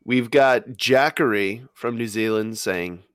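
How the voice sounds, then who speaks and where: A man's voice: mid-range voice, slow, clear, resonant tone, dry recording, clean studio sound. A man co-hosting a podcast, easygoing and hesitant, with many ums. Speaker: podcast co-host. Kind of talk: casual podcast chat.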